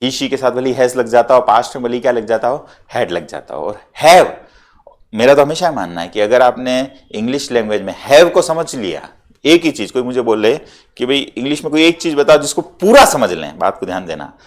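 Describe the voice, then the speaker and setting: A male teacher with a Rajasthani Hindi accent, mid-pitched voice, walking a class through English tenses in Hindi. He breaks each point into small steps and checks in with the class again and again. Example sentences come out slow and deliberate, as if dictated to students. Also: animated. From India. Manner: explains step by step, asks rhetorical checks like "clear?"; mixes Hindi with English grammar terms. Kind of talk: classroom grammar lesson.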